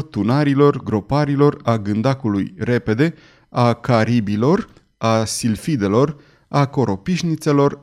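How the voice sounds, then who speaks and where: A man narrating an adventure novel audiobook in a measured, expressive reading. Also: mid-range voice. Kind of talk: scripted narration.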